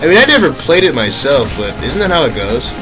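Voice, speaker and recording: Brisk and very animated, a young let's play commentator with a medium-pitched voice rambles through commentary on his gameplay, frequently correcting himself and adding offhand remarks. The audio is poor, and loud game music plays in the background.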